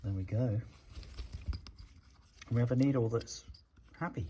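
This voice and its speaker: A man's voice: medium pitch, a little slow, very noisy. A man, chatting casually while he works in a cold garage, thinking aloud and tossing asides to his viewers. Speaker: motorcycle restoration vlogger.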